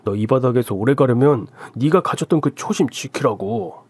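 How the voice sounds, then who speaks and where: A man voicing a blunt, rough-spoken male friend who scolds but is concerned, in a told story. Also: mid-range voice, normal speed, a little mellow, no echo, natural voice. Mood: scolding.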